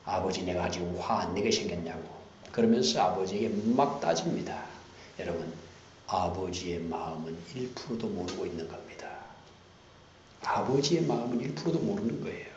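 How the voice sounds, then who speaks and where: A man pastor preaching a sermon, swinging from hushed whispers to loud emphatic lines and repeating key phrases for emphasis. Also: low-pitched, animated, normal speed. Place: church sanctuary. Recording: dull roomy church recording with faint hiss.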